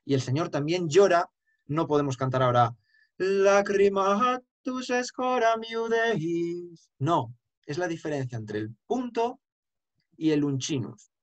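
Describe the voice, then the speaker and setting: A man's voice: on the high side, expressive, moderate pace, dull audio. A man giving an emphatic, explanatory lesson on chant and singing short examples. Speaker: chant teacher. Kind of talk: lecture with sung examples.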